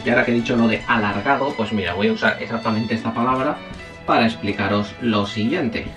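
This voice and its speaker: A man's voice: fairly low pitch, fast, recorded from a distance, over music. A man teaching a casual spoken language lesson, chatty and self-correcting, often checking in with his listeners.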